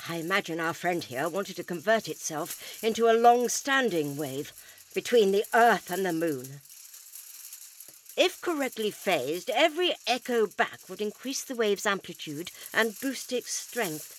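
A woman's voice: medium pitch, animated, a little slow, a little hiss or hum, close to an everyday voice. A woman reading the part of a grim, urgent male doctor in a storybook. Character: grim, brisk male doctor, older and knowing.

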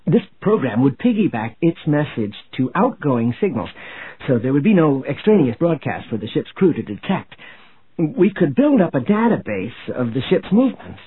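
Guy doing an eager young tech officer, husky, phone-y sound. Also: fairly high pitch, very animated, normal speed, dry recording. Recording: tinny phone-like audio.

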